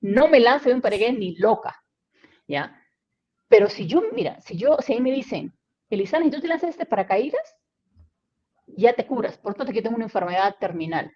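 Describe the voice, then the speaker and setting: A middle-aged woman with a somewhat high, husky voice, recounting stories in an animated, casual podcast chat. The recording sounds muffled and lo-fi. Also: fairly quick. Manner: animated storytelling, many restarts. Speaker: guest speaker on anxiety.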